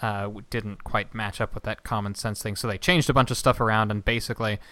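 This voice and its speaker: A man with a lowish, smooth voice talks casually, explaining things at length with plenty of asides. The sound is dry and close, with no room behind it. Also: steady tone, a little fast, pushed and bright, no echo. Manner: chatty, explanatory, rambling with asides. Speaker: podcast co-host. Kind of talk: casual chat.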